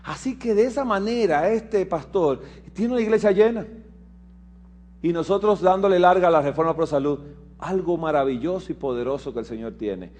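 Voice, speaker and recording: A man delivers a lecture in the cadence of a sermon, his voice pitched somewhat high for a man. He tells personal stories, playing out each exchange, slipping into hushed asides before building to loud, emphatic lines. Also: moderate pace, soft background music. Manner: animated storyteller who acts out dialogue and swings from hushed asides to loud emphasis. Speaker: health lecturer at a Bible prophecy school.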